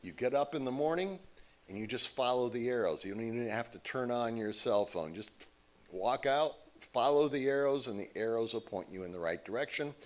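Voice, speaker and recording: An American man, a guest at a church service, gives an informal talk from the pulpit, telling stories conversationally and acting out quoted voices. His mid-range voice is expressive and fairly quick.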